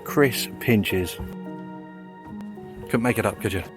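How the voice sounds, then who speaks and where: A man's voice: on the low side, slow pace. A man talking casually to camera as a travel vlogger, in a wry, understated way. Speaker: travel vlog presenter. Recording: music over location vlog audio. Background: music.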